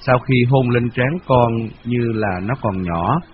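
Heard over slight background noise on a muffled lo-fi radio recording, a medium-pitched man narrates a novel. His reading stays steady and measured, like someone telling a story.

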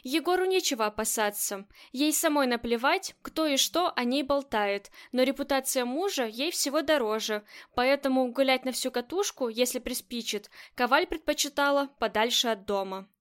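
A woman with a high, light voice reading a novel aloud as an audiobook. Her narration is scripted, even and clear. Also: moderate pace, few pauses.

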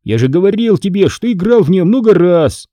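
A man reading an audiobook, voicing a confident boy who explains game rules in a low, mysterious and impatient way. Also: expressive, fairly quick, warm tone, no room sound. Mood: instructing. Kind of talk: audiobook character voice.

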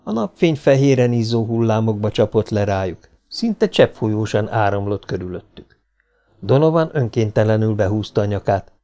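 A man reading a science-fiction audiobook in a steady, measured narrating voice. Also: on the low side.

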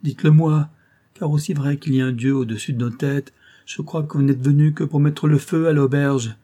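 A man's voice: mid-range voice, normal speed, mellow, breathy edge, natural voice. A man voicing a terrified young female servant who pleads and sobs in broken outcries, reading a classic novel aloud. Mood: pleading. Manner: sobbing, beseeching, breathless outcries.

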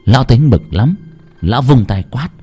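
A man's voice: medium pitch, normal speed, breathy edge, faint music behind. Man narrating a ghost story dramatically. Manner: dramatic, lively delivery.

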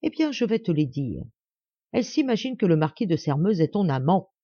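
A woman's voice: lowish voice, big pitch swings, brisk, breathy edge, no echo, dull audio. A woman doing a vengeful, raging father. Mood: bitter. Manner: raging, menacing. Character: bitter, furious older father, vengeful.

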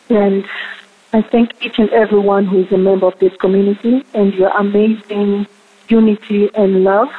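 A woman from Tanzania calls in, speaking in a polite, measured way to ask for prayer. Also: medium pitch, breathy edge. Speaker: caller. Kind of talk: phoned-in prayer request. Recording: tinny phone line.

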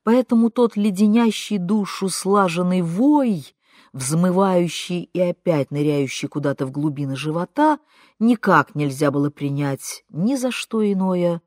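Woman audiobook narrator, lively ironic reading, very dry close sound. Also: lowish voice, measured pace, no echo. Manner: expressive, ironic storytelling. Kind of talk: first-person literary narration.

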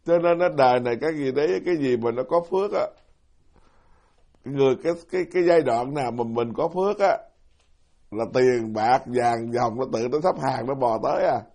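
A monk preaching to a live audience in a hall. He is a middle-aged man at a middle pitch, chatty and self-deprecating. He keeps turning to ask his listeners questions. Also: moderate pace, a little mellow. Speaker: Buddhist monk giving a dharma talk. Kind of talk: sermon.

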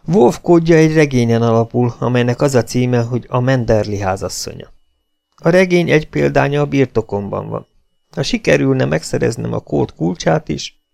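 A man's voice: mid-range voice, expressive, creaky, darkish tone. A man reading as a wary British officer. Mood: determined.

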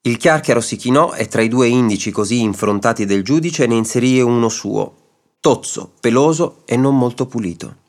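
A man narrating a short story for radio in a measured, literary way. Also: medium pitch, darkish tone. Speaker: reader.

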